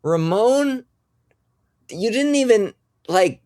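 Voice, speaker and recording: A man's voice: high voice, lively intonation, a little mellow, pitched above the performer's own voice. A man voicing a harried, flustered male sheriff in a tabletop game. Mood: agitated. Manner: flustered and hurried. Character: frantic, harried small-town male sheriff.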